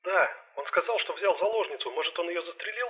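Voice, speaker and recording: A man reading an audiobook, voicing a shaken young female police partner who speaks in a shaky, hushed way. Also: high voice, quick pace, narrow, tinny audio, pitched above the performer's own voice, natural voice.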